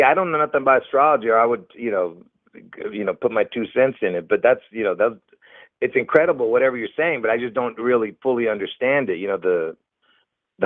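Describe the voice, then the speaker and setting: A man's voice: on the low side, dry recording. A man from Lebanon, a guest in a casual conversation, talking in a rambling, hesitant way with many fillers. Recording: tinny phone-like line.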